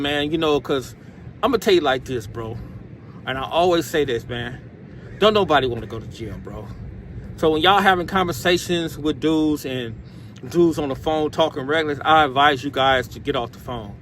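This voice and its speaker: A slightly high, fairly bright male voice belongs to an American vlogger improvising motivational advice on camera. He's emphatic and street-savvy, full of slang, and keeps saying "bro" to his audience. The recording picks up outdoor city noise and vehicles driving past.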